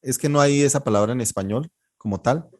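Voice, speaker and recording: A man leads an online Koine Greek lesson, his voice sitting at an ordinary pitch. He talks patiently and methodically, repeating words so students can follow and echo them. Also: a little fast. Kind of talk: online class, drilling pronunciation and explaining grammar.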